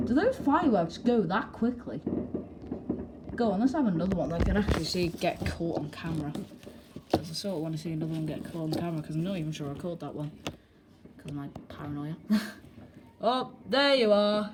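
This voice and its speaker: This is casual vlog commentary from a young woman filming fireworks at home on a handheld camera. Her voice is mid-range, and there is background noise. She rambles and jokes, is self-deprecating, and swears mildly.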